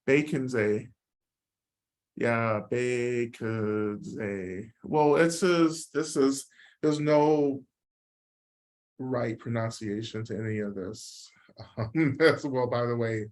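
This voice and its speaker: A man's voice: medium pitch, slow, pauses often, a little mellow. A man teaching a Buddhist practice session, explaining ideas in a reflective way and often checking in with "right?". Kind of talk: dharma talk answering questions.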